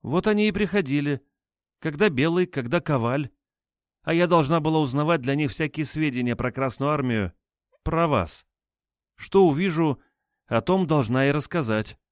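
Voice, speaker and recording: A man's voice: fairly high pitch, expressive, moderate pace, no echo, voice pushed up, natural voice. A scared young woman stammers out her answers in a raised, pleading voice, as a male narrator puts her on. She sounds flustered and hesitant, and the recording is dry and close. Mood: frightened. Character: frightened young woman under interrogation.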